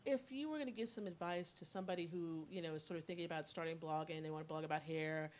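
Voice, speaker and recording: A woman's voice: low-pitched, fast, darkish tone, slight background noise. Thoughtful woman asking questions. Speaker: interviewer. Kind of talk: symposium interview.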